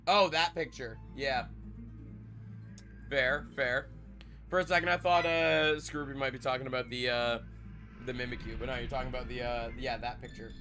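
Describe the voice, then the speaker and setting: Faint music plays behind a young man who is congested from a cold and casually rambling to his live-stream audience, often repeating himself and addressing chat. His mid-range voice moves at normal speed with fairly even intonation and a sharp tone.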